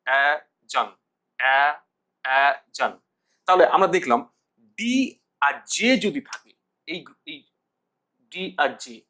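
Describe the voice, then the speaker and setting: Bright-voiced man teaching pronunciation. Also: on the high side, low-quality recording. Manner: slow deliberate repetition of words. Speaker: English teacher. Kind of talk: pronunciation lesson.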